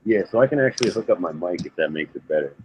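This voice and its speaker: A man's voice: deep voice, expressive, fast. A man chatting casually and cursing loosely as a podcast guest, his voice tinny as if through a tin can over a cell phone. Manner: loose and profane, joking. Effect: tinny cell phone audio, like a tin can. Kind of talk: casual chat. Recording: muffled cell phone line with faint noise.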